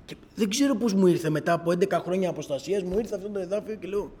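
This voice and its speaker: Animated Greek man telling his testimony. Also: sits high. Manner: animated storyteller, keeps repeating "I say" around quoted dialogue. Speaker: church member giving a testimony. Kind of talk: personal testimony to a congregation.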